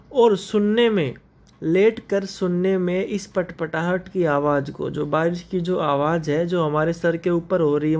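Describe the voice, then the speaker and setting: A male English teacher in a recorded lesson, reading poem lines slowly and then explaining word meanings to his students. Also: fairly high pitch, a little mellow. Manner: mixes English and Hindi, addresses students directly.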